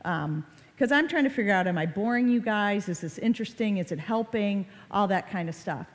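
A woman's voice: medium pitch, fairly quick. Woman presenter in a reverberant hall. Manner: lively, conversational, acts out quoted family exchanges. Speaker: child safety presenter. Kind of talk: live presentation to parents and kids.

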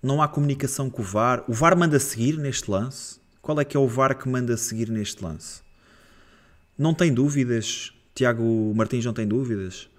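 A man with a European Portuguese accent co-hosting a football podcast, talking in a casual, animated way that turns heated and exasperated, with frequent restarts. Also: medium pitch, moderate pace. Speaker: co-host of a football club podcast. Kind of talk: casual football analysis chat.

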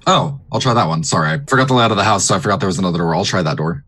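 A man's voice: low voice, animated, very fast, sharp tone, husky. A man playing a tabletop role-playing game, talking casually and hesitantly, often trailing off and restarting. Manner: rambling, hesitant, with many restarts and fillers. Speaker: player.

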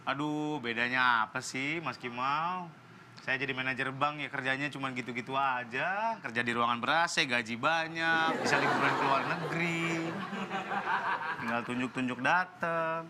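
A man's voice: medium pitch, moderate pace, background noise, natural voice. A man acting a boastful, falsely humble young bank manager in a comedy sketch. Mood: smug. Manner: smug, bragging, mock-modest. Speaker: comic actor.

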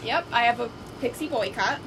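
A woman's voice: a little high, fairly quick, vocal fry, crowd noise. A woman co-hosting a casual home podcast, chatty and often echoing or finishing the others' sentences. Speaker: podcast co-host. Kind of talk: casual chat. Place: home, indoors.

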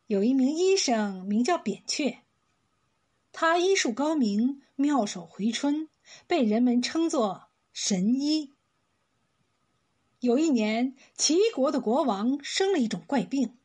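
A high-voiced woman reads an old folk tale aloud. Her voice is soft and breathy. She takes her time over every line, in a slow, deliberate storybook manner. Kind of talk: scripted narration of a folk tale.

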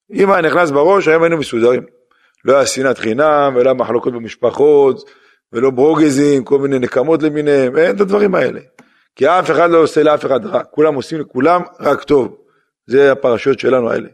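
A middle-aged rabbi giving a sermon, driving points home with rhetorical questions and repetition. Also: male voice, a little high.

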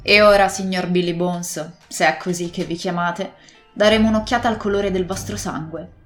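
A woman voicing a stern, dry-witted male doctor who speaks in a brisk, dismissive way. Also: lowish voice, fairly even intonation, soft background music, close to an everyday voice.

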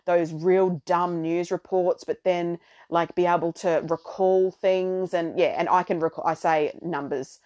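A middle-aged woman with a slightly low voice talks as a solo podcast host. She is chatty and a little theatrical, wandering loosely from one thought to the next in a casual, conversational style. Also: steady tone, measured pace, hardly any pauses, darkish tone. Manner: chatty, rambling, tangential.

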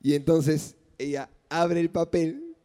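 Animated man telling a story. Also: a little high, takes it slowly. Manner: animated storyteller acting out dialogue. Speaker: comedian. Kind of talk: live comedy podcast storytelling.

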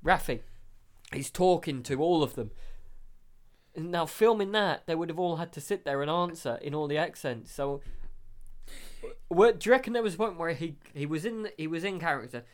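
Opinionated man, fairly high voice. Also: lively intonation, normal speed. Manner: opinionated, joking. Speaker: podcast co-host. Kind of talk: casual chat.

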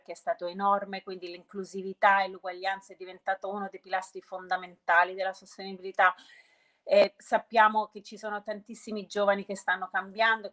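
Female interview guest, medium pitch, halting and rephrasing as she explains, peppering answers with English jargon. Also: a bit bright. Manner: hesitant, often restarting and rephrasing mid-sentence; mixes English business terms into Italian. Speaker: interview guest, sustainability entrepreneur.

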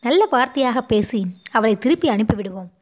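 A woman's voice: a little high, animated, brisk, a little mellow. A woman doing an anxious young princess. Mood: worried. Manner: worried, earnest.

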